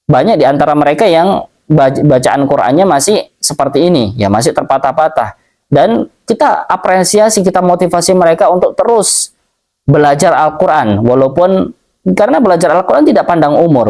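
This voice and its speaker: Reading Arabic passages aloud and repeating his phrases, a male Islamic teacher explains his lesson slowly during a religious study lecture. His pitch is fairly high, and his tone leans dark.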